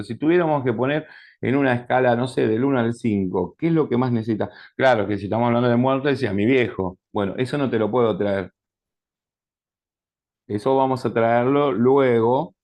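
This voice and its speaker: A man's voice: mid-range voice, darkish tone. A man with an Argentine accent teaching a class in a conversational lecture, often checking that students follow. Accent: Rioplatense Spanish. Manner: conversational, asks the class frequent check questions.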